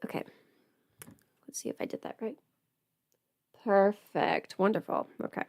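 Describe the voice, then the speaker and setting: Her voice is mid-range, gravelly and darkish, very animated but a little slow, recorded in the studio with no echo. A livestream host and audio performer, she's sick with a cold, chatting, rambling and sometimes playing around as she thinks aloud over her makeup.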